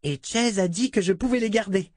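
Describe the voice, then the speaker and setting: Man doing a little girl, excitable, chatty, very high, audiobook figure, dry close sound. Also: fairly quick, no echo, close to an everyday voice. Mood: eager. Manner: high, eager childlike chatter.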